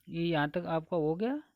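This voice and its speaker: A man's voice: fairly high pitch, a little mellow, no room sound. A man teaching a grammar lesson for exam preparation. He goes through a numbered syllabus, repeating points and asking and answering his own questions.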